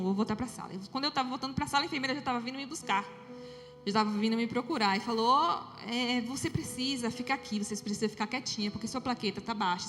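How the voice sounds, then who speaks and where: Woman from giving church testimony. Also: fairly high pitch. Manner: storytelling, animated, acts out her own dialogue. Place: church hall. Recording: long hall reverb with faint music.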